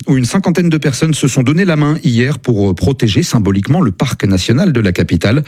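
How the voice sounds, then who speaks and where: Husky male radio news anchor. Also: medium pitch, darkish tone.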